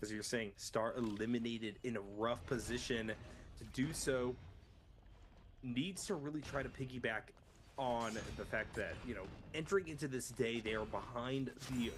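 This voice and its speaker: A man giving analytical esports commentary in a measured way, explaining the tactics behind each fight. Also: medium pitch, a little hiss or hum.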